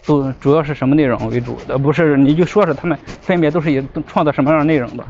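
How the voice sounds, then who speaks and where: A man's voice: on the high side, steady tone, fast, a little mellow. A man chatting casually and insistently, repeating his requests as he talks. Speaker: vlogger asking an AI assistant questions. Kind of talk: casual chat. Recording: muffled, noisy ambient recording.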